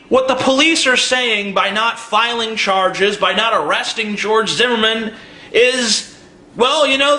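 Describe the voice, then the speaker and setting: Ranting profane young man, sharp voice. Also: very high-pitched, reverberant. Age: 20s. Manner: profane, sarcastic rhetorical questions. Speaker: video blogger. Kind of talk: angry commentary rant.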